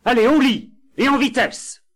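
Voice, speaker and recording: A man voicing the ghost of a miserly old man who shouts and rages in a high, loud voice. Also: lively intonation, moderate pace, slightly rough. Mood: furious. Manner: shouting, outraged, bossy.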